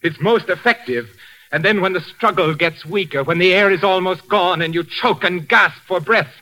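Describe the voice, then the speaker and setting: An actor playing a calm, cruel male organist who murders, speaking softly in old-time radio drama style. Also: high voice, normal speed, poor audio. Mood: menacing. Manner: soft, silky menace turning to panic.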